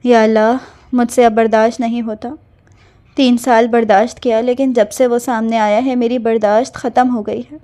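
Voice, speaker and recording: A woman's voice: on the high side, mellow, natural voice. A woman voicing a caring elder-sister figure. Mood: prayerful. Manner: soothing, earnest.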